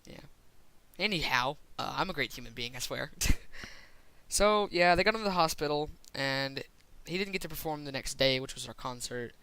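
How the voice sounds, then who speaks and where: A young man telling a rambling, excitable story in a casual vlog, full of fillers. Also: on the high side, moderate pace, clear, resonant tone, low-quality recording. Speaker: vlogger.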